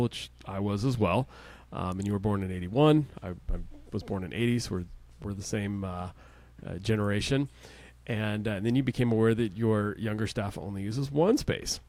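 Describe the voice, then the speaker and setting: A man in his forties hosting a podcast, chatting casually with a guest and often pausing with "uh" and restarting sentences. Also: lowish voice, a little mellow, no echo. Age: 40s. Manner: friendly, frequent "uh" hesitations and restarts. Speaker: podcast host. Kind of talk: casual interview chat.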